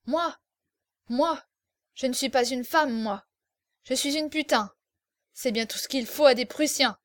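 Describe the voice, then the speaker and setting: A woman's voice: on the high side, steady tone, a little slow, a little mellow, dry recording, close to an everyday voice. A woman voicing a fierce, defiant young woman. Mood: indignant. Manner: indignant, vehement.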